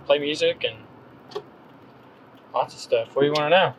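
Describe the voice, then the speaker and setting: A North Carolina man in his thirties, appearing as a podcast guest, talks in a casual conversational interview, hesitant and rambling with frequent ums and restarts. His voice is fairly high and unhurried, on a rough recording with a little hiss or hum.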